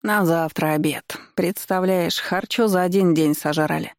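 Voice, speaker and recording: A woman's voice: lowish voice, fairly even intonation, unhurried, dry recording, studio quality. A woman putting on a blunt grumbling grandma. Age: older. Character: bossy gossiping old grandmother, sharp-tongued.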